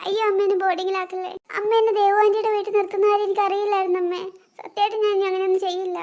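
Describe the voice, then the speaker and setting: A woman's voice: very high-pitched, level tone, rapid-fire, darkish tone, voice pushed up. A woman voicing a naughty young boy in a cartoon who whines and pleads with his mother. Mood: pleading. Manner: whiny, pleading.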